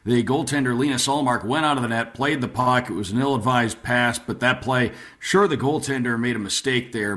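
A man's voice: medium pitch, fairly bright tone. A man hosting a sports radio program in a conversational, emphatic way, stressing key phrases.

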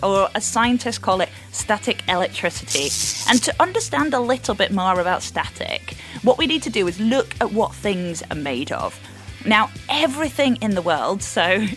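A woman science presenter explaining things simply to children in a bright, curious, encouraging way. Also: mid-range voice. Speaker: guest science presenter and prop builder.

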